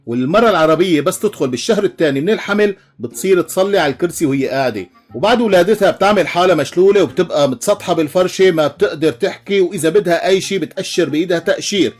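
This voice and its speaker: A man with a Levantine Arabic accent telling a string of jokes, animated, slipping into character voices and chuckling along. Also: a little high. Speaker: joke teller. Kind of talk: voiced joke compilation.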